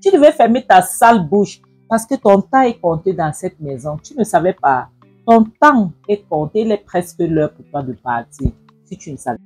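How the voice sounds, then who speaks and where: A woman's voice: fairly low pitch, big pitch swings, normal speed, darkish tone, slightly rough, faint music behind. A woman doing a scornful taunting man.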